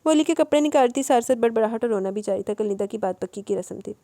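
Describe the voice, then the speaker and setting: A woman's voice: on the high side, dark tone, no echo. A woman reading a romance novel aloud with emotive storytelling. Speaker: novel reader. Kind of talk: scripted novel narration.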